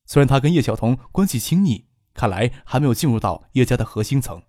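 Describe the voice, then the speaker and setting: A man reads an audiobook in a steady, unhurried storytelling voice. His pitch sits in the middle of the male range. The recording is dry and close, with no room sound. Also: no room sound. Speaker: audiobook narrator. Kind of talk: scripted audiobook narration.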